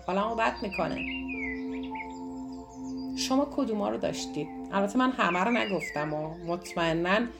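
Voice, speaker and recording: A woman teaching a self-development course, talking straight to her listeners and repeating phrases for emphasis. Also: mid-range voice. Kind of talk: teaching talk to a course audience.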